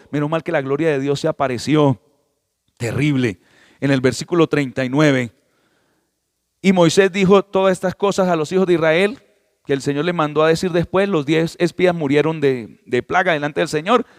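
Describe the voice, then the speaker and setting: A man's voice: a little high, no echo, clean studio sound, big-room sound. A man preaching a sermon as a pastor, with emphatic rises and exclamations. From Colombia.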